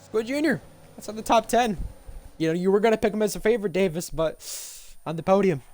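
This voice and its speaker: A man's voice: high-pitched, quick pace, darkish tone. A man commentating live on sim racing, calling the action play by play as a motorsport commentator.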